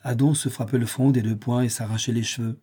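Male narrator, audiobook, measured reading, mellow timbre, slightly raspy. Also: medium pitch, fairly even intonation.

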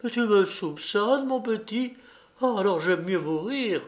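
A man reading aloud and voicing an old female nurse who pleads and sobs in a raised, quavering voice. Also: unhurried. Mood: tearful pleading. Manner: pleading, sobbing, higher-pitched. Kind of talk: audiobook reading.

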